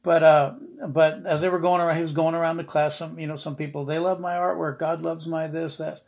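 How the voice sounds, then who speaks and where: Chatty man, slightly high voice. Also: flat delivery, fairly quick, vocal fry, a little mellow. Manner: rambling, storytelling, frequent fillers and restarts; dry sarcastic humor. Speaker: podcast host, ministry teacher. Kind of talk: informal devotional podcast talk.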